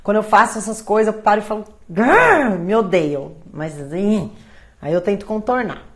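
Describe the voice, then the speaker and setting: A woman with a Brazilian Portuguese accent hosting a casual live Q&A, blunt and animated, acting out phone calls as she answers viewer questions. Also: medium pitch, moderate pace.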